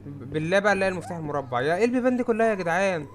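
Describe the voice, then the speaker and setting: A young man with an Egyptian Arabic accent giving let's-play commentary, jumpy and prone to sudden yelps and shouts when startled. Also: high-pitched, animated, racing. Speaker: gamer.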